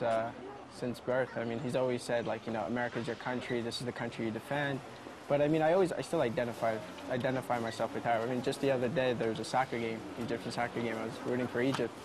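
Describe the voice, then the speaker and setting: A man's voice: mid-range voice, fairly even intonation, fast, background noise. A man answering a street interviewer in a hesitant way, full of "I mean" fillers. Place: outdoors on a city street.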